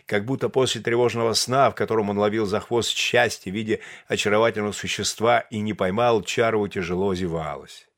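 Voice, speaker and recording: A man narrating a classic novel as an audiobook, in a measured literary storytelling manner. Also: on the low side, fairly even intonation.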